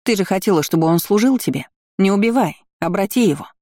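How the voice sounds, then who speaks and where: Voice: mid-range voice, expressive, fast, warm tone, no room sound, clean studio sound, voice pushed up, lightly acted. A reader voicing a young heroine who talks urgently and accusingly. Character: young heroine, defiant and angry vampire girl.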